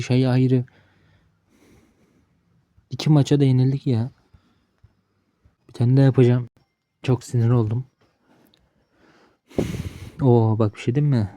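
A man's voice: medium pitch, dark tone, no echo. A man giving casual gameplay commentary, frustrated and talking to himself, cursing the game. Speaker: gaming streamer.

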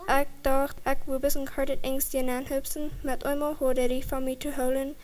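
A man's voice: very high voice, monotone, fairly quick. A woman voicing a boastful younger brother in a children's story, teasing and sure of himself.

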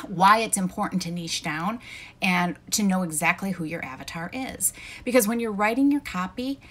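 A woman's voice: medium pitch, fairly bright tone. A middle-aged woman coaching online course creators in a casual, conversational explainer, walking through everyday examples. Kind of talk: casual explainer talk to camera.

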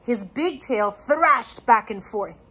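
Breathy teacher reading a story aloud. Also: female voice, a little high, slow pace, poor audio. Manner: addresses children, expressive.

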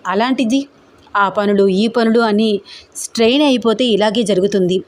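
A loving young man reassures his girlfriend in a steady, serious way, voiced by a woman reading an audio story. The pitch stays at the middle, with no deep shift for the male part. The delivery is plain storytelling, reassuring and earnest. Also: moderate pace, natural voice.

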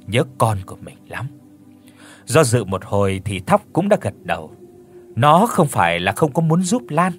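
A man narrating a ghost story in an expressive, dramatic storyteller style. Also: mid-range voice.

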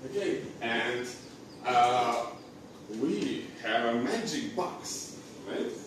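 A man works as a kids party magician, talking slowly in short, simple phrases and prompting children to repeat after him. His pitch moves up and down a lot. He is recorded far from the mic in a very echoey room. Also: expressive, background noise. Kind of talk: kids' magic show patter, asking the children questions. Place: indoor kindergarten classroom with children seated around. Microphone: distant camera across the room.

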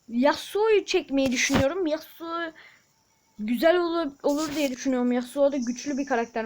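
A woman giving casual gameplay commentary as a channel host, excitable, with frustrated outbursts and shouted sound effects. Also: high voice, background noise.

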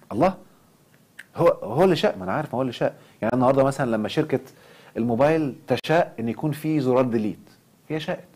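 A man with an Egyptian Arabic accent giving an impassioned self-development lecture, animated and quick to swing into mock outrage. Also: medium pitch, slightly rough.

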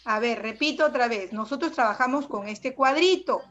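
A woman runs an online language lesson, fairly high-pitched, patient and affectionate yet firm. Her voice comes through a dull, lo-fi video call. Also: normal speed, fairly bright tone. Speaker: secondary school language teacher. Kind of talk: online class. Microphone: computer mic on a video call.

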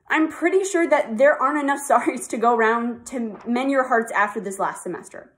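A teenage girl on a yearbook staff, giving an earnest, upbeat video address and reading a heartfelt speech. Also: fairly high pitch. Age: teens.

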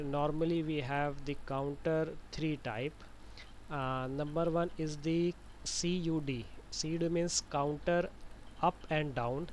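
A man presenting an informal software tutorial, explaining step by step in a hesitant, repetitive way. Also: on the high side, a little hiss or hum.

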